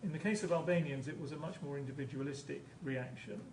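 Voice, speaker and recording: Speaking fast in a rather high voice, a man delivers an academic conference talk as a professor, hesitating and repeating words as he explains. Expect echo, a far-off mic, and background noise.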